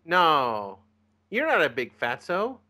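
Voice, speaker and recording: A man's voice: on the high side, huge pitch swings, slow pace, pushed and bright. A man co-hosting a casual podcast, teasing and needling his friend. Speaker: podcast co-host.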